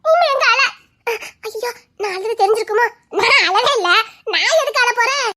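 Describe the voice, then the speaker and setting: A woman acting a teary, sharp-tongued young woman in a comic romance drama, scolding and sulking in a Tamil accent. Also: extremely high pitch, expressive, normal speed, a little hiss or hum, full character voice. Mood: flustered. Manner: scolding, sulky, flaring into threats.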